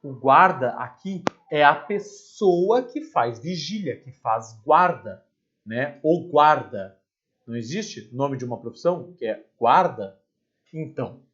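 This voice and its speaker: A man's voice: mid-range voice, fairly bright tone, lo-fi sound. A male teacher explains grammar in a chatty way, asking rhetorical questions and dropping asides. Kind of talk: recorded grammar lesson.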